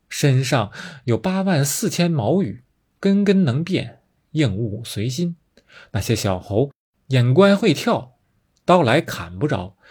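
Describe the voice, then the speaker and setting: A man narrating a classic novel with expressive, dramatic storytelling. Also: medium pitch, husky.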